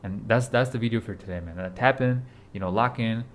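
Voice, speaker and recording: A young man in his twenties speaking straight to his viewers in a casual motivational vlog. His voice sits a little low. He talks with blunt urgency, circles back to the same points, and swears casually. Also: a little fast, a little hiss or hum. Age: 20s. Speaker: fitness vlogger. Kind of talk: casual motivational talk to camera.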